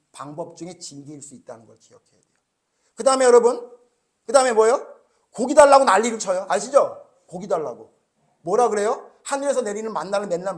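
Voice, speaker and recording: A middle-aged male pastor preaching a sermon, firing rhetorical questions at the congregation and acting out biblical characters' lines as quoted dialogue. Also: sits high.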